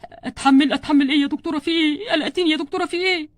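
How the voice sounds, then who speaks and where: A woman's voice: sits high, racing, dry recording, natural voice. A woman voicing an adult man doll who frets over his sick wife, speaking Egyptian Arabic with pleading, repeated words. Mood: anxious. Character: worried devoted husband doll, adult man. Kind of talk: doll play storytelling.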